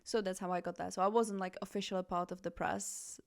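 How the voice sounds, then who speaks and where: Hosting her podcast, this Czech woman in her twenties, a fashion journalist, talks in a lively, chatty way with plenty of self-corrections. Her voice sits at medium pitch, brisk and touched with vocal fry.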